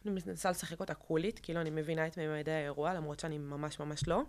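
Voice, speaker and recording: A young woman telling a guest's personal story in an interview, halting, with many fillers and restarts. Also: deep voice, little pitch movement, a little mellow. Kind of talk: emotional personal account in an interview.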